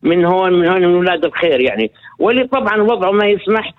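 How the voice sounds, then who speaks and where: A man phones into a radio show and talks at a rapid clip in a fairly high voice. He rambles, restarting and repeating words as he goes. The sound comes through a thin, tinny phone line. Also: animated. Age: 50s. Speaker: phone-in guest, retired colonel. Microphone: telephone.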